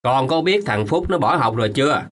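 An actor playing a kindly, remorseful old man in a radio drama, gentle at times and firmly scolding at others. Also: mid-range voice, animated, fairly quick. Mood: stern. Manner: gentle, then firm and scolding.

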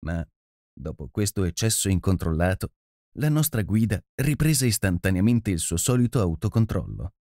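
Low-voiced man narrating an audiobook. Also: no room sound, studio quality. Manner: measured, steady storytelling. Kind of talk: scripted literary narration.

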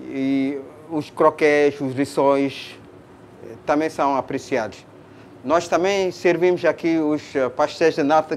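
A middle-aged cafe owner speaking casually and hesitantly in an interview, seated indoors. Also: male voice, a little high, a little hiss or hum. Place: indoor room.

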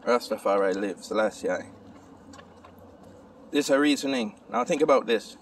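A young adult vlogger speaks to camera in Rasta speech, reasoning informally with insistent, preacher-like repetition. His voice is lowish at a normal pace, captured at a distance by a phone held at arm's length outdoors under open sky and trees, with outdoor noise in the recording.

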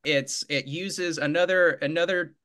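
A man contestant on a podcast guessing game, talking casually. His voice is a little high and bright, with a clear, forward tone. He hesitates and repeats words as he works through his answer. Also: steady tone, unhurried.

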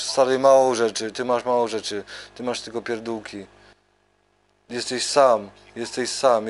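A man ranting in a loose, rambling way, repeating himself and swearing constantly. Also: medium pitch. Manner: rambling, repetitive, heavy swearing. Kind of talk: profane rambling rant and freestyle rap. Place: recording studio.

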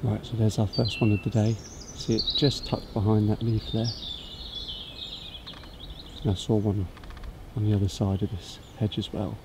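A man's voice: on the low side, level tone, normal speed, long pauses. A British man in his thirties chatting casually to camera as he vlogs about wildlife outdoors. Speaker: wildlife vlogger. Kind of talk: casual vlog chat to camera while out walking. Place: outdoors on heathland and in open woodland. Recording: outdoor background noise, birdsong and ambience.

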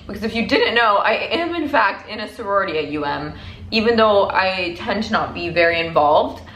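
A woman's voice: mid-range voice, lively intonation, moderate pace, a bit bright. Young woman vlogging in an echoey room. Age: young adult. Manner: rambling, peppered with "like". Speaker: lifestyle vlogger. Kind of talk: casual chatty vlog to camera. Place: indoors at home, mostly a living room or bedroom. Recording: echoey room with faint noise.

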